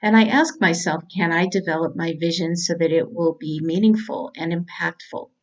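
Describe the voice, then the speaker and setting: Middle-aged woman, low-pitched, earnest prepared talk, slightly muffled recording. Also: moderate pace. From California. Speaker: cancer doctor giving a talk.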